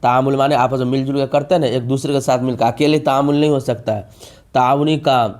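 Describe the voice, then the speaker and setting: A man's voice: medium pitch, fairly even intonation, a little mellow. Man, teacher, exam-prep lesson, repeats terms, rhetorical questions. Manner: repeats each term and asks rhetorical questions; drawn-out emphasis on key words.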